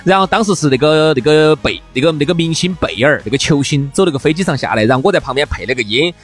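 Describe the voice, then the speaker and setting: A fast-talking man with a Sichuan accent, his high voice swinging wildly as he teases his co-host. His tone is slightly husky, with soft music under the talk. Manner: teasing, animated, mock indignant. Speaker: podcast co-host. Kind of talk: casual comedic chat.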